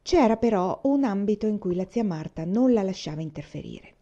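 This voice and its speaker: A woman reading a novel aloud in a calm, even storytelling manner. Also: medium pitch, brisk, lo-fi sound. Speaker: audiobook reader.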